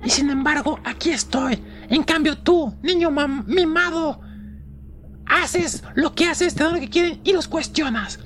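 A woman voicing the ghost of a dead nine-year-old boy who speaks low and hushed. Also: a little slow, a little hiss or hum. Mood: menacing.

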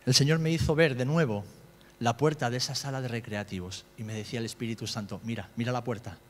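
A middle-aged man from Spain preaching a sermon, swinging from loud, high-pitched outbursts to low, quiet storytelling. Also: fairly even intonation, fast talker, in a large hall. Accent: Spain Spanish.

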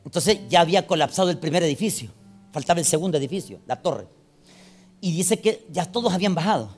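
A man's voice: on the high side, animated, fast, soft background music. A man preaching a sermon and reading Bible verses aloud, calling his listeners brothers and asking them rhetorical questions. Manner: addresses the congregation as brothers, asks rhetorical questions.

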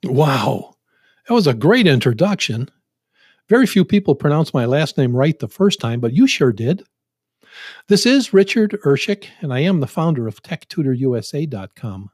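A man's voice: mid-range voice, big pitch swings, moderate pace, darkish tone, no room sound, studio quality. A man in his seventies hosting a podcast, talking in a folksy, joking, conversational way. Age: 70s. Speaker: podcast host. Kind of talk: casual podcast introduction with jokes.

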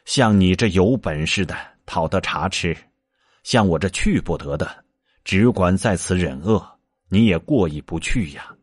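A man voicing a gentle but stern male monk master, speaking slowly and low in an admonishing way. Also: expressive, husky, dry recording, clean studio sound, heavily acted.

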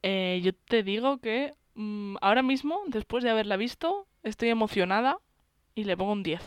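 A woman's voice: mid-range voice, animated, moderate pace, clear, resonant tone, no room sound, clean studio sound. A woman with a Spanish accent from Spain, chatting casually and enthusiastically while reviewing a film. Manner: enthusiastic, chatty, laughs often. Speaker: film podcast co-host.

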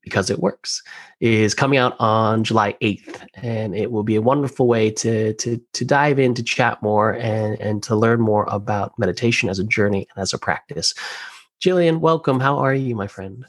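A male podcast host with a fairly low voice speaks in a close, dry recording. He talks earnestly and warmly about his guests, often restarting his sentences and repeating small words as he finds his way. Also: no echo. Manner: earnest, halting with frequent restarts. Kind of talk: casual interview chat.

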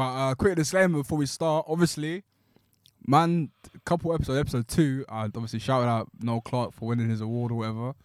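A young man hosting a casual podcast, loud, joking and full of slang. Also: mid-range voice, no room sound, clean studio sound. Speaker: podcast host. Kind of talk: casual chat.

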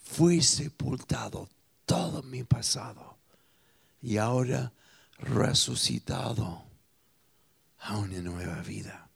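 Slow, gravelly preacher. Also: male voice, medium pitch. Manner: dramatic swings from loud proclaiming to hushed near-whispers. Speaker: pastor. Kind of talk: sermon.

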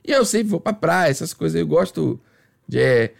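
A man's voice: on the high side, expressive, moderate pace, creaky. A man from Salvador, telling a story in casual podcast chat and acting out voices and sound effects. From Salvador, Brazil. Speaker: podcast guest.

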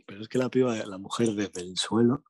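A young man from Spain with a Spanish accent, telling a slangy, animated anecdote in casual chat. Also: lowish voice, brisk, husky, dry recording. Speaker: storyteller.

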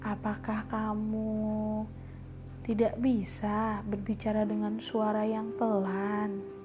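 A woman voicing a calm, patient mother who speaks softly and kindly, in a bedtime storybook. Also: mid-range voice, takes it slowly, music in the background, natural voice. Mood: gentle.

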